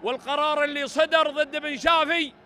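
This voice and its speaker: Man, Saudi Bedouin Arabic oratory, very high and piercing, declamatory, projected over open air. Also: fairly even intonation, fairly quick, bright, forceful tone. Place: open desert ground, outdoor mass gathering. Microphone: stand microphones.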